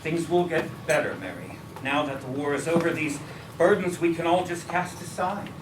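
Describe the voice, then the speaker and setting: A man's voice: on the high side, moderate pace, background noise, close to an everyday voice. A man playing a principled, weary, tender President Lincoln in a theatrical staged reading of a musical. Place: public staged reading in a restaurant. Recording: echoey room, distant mic, piano music behind.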